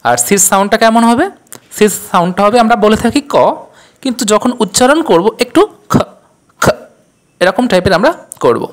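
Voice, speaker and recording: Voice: medium pitch, animated, quick pace. A teacher explaining English pronunciation rules, who speaks patiently and spells words out letter by letter.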